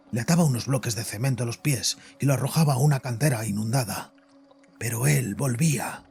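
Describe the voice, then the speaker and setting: This actor's medium-pitched, darkish voice is gravelly and husky as he portrays a domineering, distraught father in an audio drama. He confesses haltingly, with evident anguish.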